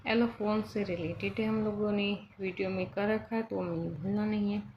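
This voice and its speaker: A woman's voice: medium pitch, fairly even intonation, brisk. A young woman teacher, working through exam quiz answers in a chatty style, switching languages and correcting herself. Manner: chatty, mixes Hindi and English, self-corrects. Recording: dull lo-fi recording with faint background noise.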